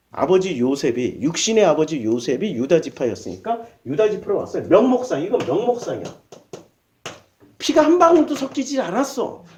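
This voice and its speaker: Animated high-voiced male preacher. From Korea. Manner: asks the audience rhetorical questions and answers them; shifts between formal address and blunt casual speech. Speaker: pastor teaching Bible lectures. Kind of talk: Bible lecture sermon.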